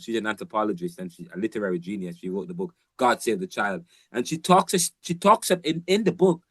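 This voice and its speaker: A man delivers an informal university lecture, circling back on his points with emphatic repeats and restarts. His voice sits at a middle pitch. The recording is dry and close, with no room echo. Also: a bit bright. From Jamaica. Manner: rambling, emphatic, with frequent restarts.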